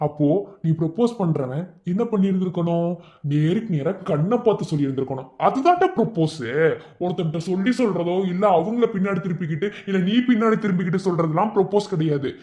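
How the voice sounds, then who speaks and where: A man's voice: fairly high pitch, mellow, dull audio, lightly acted. A man voicing a blunt young man in a cartoon who lectures his lovesick friend, in a Madurai Tamil accent. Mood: lecturing. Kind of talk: animated cartoon voice acting.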